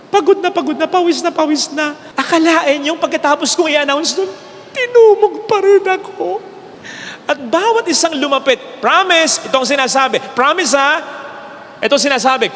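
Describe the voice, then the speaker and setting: High-voiced Filipino priest in an echoing church. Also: male voice, a little hiss or hum. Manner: animated storytelling, swinging from high exclaims to low hushed lines. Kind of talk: homily. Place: large church. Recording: long church reverb with faint ambience.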